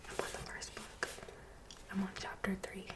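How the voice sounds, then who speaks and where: A woman doing soft-spoken ASMR reading, drifting between a hushed voice and a whisper. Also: normal speed. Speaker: ASMR channel host. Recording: street noise in background. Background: street traffic.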